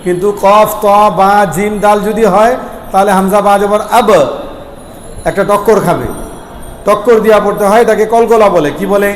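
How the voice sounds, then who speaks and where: Guy teaching quran reading, high voice, echoey room with a bit of hiss. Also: fairly even intonation. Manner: repeats sounds slowly, asks the class questions. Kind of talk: explaining Arabic pronunciation lesson. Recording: echoey room with faint ambient noise.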